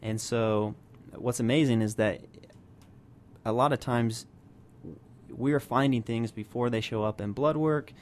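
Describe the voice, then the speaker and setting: A man speaking as a health practitioner guest on a radio show, explaining at length and patiently with many pauses. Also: medium pitch, fairly even intonation, a little mellow. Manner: explanatory, many fillers and restarts. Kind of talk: radio interview.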